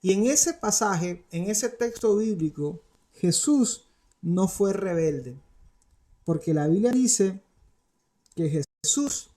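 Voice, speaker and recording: A man preaching in an animated, conversational way, dropping in playful asides. His voice sits fairly high for a man but has a dark, mellow color. A gravelly rasp runs through his words. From Colombia. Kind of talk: sermon to parents and youth. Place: studio.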